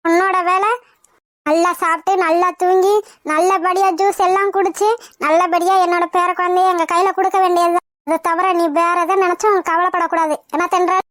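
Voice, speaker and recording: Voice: very high-pitched, level tone, brisk, a bit bright, dry recording, studio quality. A voice actor playing a fierce, protective middle-aged mother-in-law in a cartoon, commanding and scolding. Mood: soothing. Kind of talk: cartoon voice acting.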